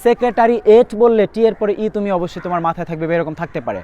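A young man tutoring students for an entrance exam, spelling words out letter by letter. He speaks at a very rapid clip in a fairly high voice. His manner is that of a direct spoken lesson. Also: mellow, lo-fi sound. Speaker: admission test English tutor.

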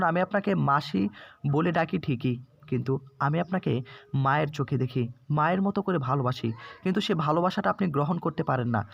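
A man's voice: on the high side, creaky, no echo, muffled recording. A man voicing a patient, polite family member who reasons with an elder.

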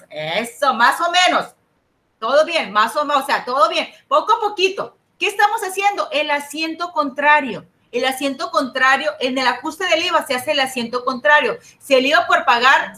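A woman with a high, pushed, bright voice teaches an accounting class online at a moderate pace. She is animated and frequently pauses to ask whether her students are following, repeating the key points.

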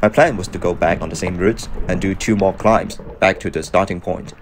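A middle-aged man, giving a measured, reflective scripted voice-over for a running vlog. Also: sits low. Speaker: running vlogger. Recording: music behind the voice. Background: background music.

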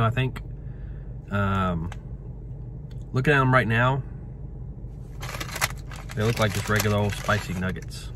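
A man in his thirties giving a casual food review to camera from inside a car. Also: lowish voice. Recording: in a car with clear vehicle noise.

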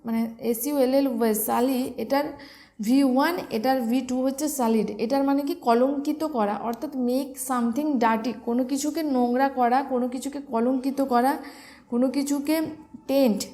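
A woman's voice: high voice, steady tone, unhurried, dark tone. A woman with a Bengali accent teaching English vocabulary for exams, explaining each word step by step and spelling it out letter by letter. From West Bengal, India. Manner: explains step by step, spells words letter by letter, asks and answers own questions. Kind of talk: exam-prep vocabulary lesson.

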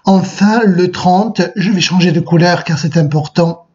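A male teacher talks his students through exam questions in a clear, instructive way. His voice sits a little high. The recording is dull and lo-fi. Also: a little slow, darkish tone. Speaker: French teacher. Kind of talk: recorded lesson for middle school students. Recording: muffled lo-fi recording.

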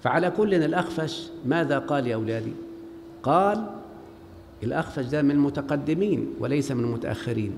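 A man's voice: medium pitch, animated, quick pace. A man with an Egyptian accent lecturing on Arabic grammar in a large mosque, questioning his students call-and-response style. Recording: long hall reverb, faint background noise.

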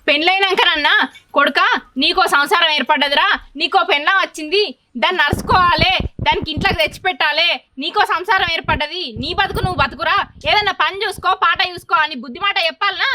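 Fast-talking woman complaining as a daughter-in-law. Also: very high-pitched, background noise. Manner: reproachful, rapid complaining. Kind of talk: village short film acting.

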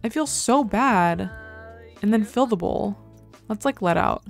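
A woman's voice: mid-range voice, a little slow, vocal fry, soft background music. Chatty young woman gushing over gameplay. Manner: chatty, says "like" constantly, excitable exclamations. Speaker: gameplay host. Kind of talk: casual game commentary.

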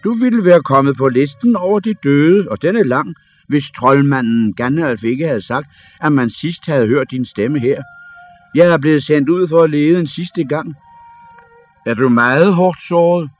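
A man voicing a sturdy, kind grown man who speaks loudly and heartily. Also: a little high, soft background music, voice pushed up, natural voice. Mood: relieved. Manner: loud, hearty.

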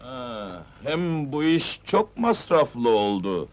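An actor playing a gruff, bossy tough-guy football club boss in a comedy film, barking orders and threats. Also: mid-range voice, sing-song, slow pace. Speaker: team manager. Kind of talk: 1970s comedy film dialogue.

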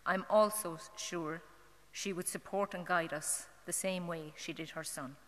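Irish mum talking earnestly at a church novena, a bit low-pitched, lots of ums, big echoey church. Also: female voice, steady tone, fairly bright tone. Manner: earnest, halting, with fillers and restarts. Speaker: mother giving a testimony at a parish novena. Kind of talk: personal testimony talk. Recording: long church hall reverb.

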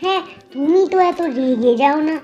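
Woman doing a sweet coaxing husband, still high-pitched, calming her down, cartoon. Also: normal speed, highs cut off, soft background music, lightly acted. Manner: coaxing, soothing. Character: doting husband of the female ghost.

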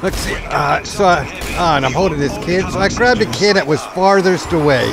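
A man's voice: sits high, fairly quick, crowd noise. A man casually narrating a game walkthrough, rambling and laid-back with many fillers. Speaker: gaming video host.

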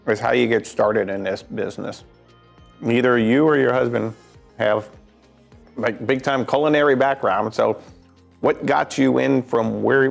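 Male host, 40s; gravelly, upbeat and joking, lapel mic in a restaurant. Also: medium pitch. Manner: upbeat, joking, eats while talking. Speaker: show host. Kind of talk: casual interview. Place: brick-walled restaurant booth, indoors.

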